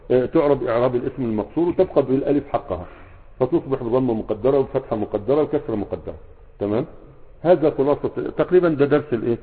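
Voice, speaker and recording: A man's voice: medium pitch, husky. A man with an Egyptian accent, a sheikh teaching a grammar class, who keeps prompting his students with fill-in questions and checks that they follow. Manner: fills gaps with quiz-like questions and checks the students often. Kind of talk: classroom lesson. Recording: tinny phone-like sound in a reverberant hall.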